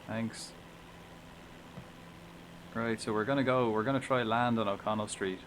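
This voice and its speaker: A man's voice: on the low side, steady tone, unhurried, a little hiss or hum, rough recording. A man with an Irish accent giving casual, rambling live commentary while he plays a flight game, swearing and chatting back to viewers.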